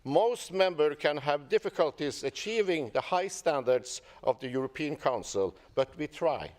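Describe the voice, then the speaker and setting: A man speaking as a parliamentarian, reading a measured, formal statement to an assembly. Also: fairly high pitch, lively intonation, a little mellow. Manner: measured, reads a prepared statement.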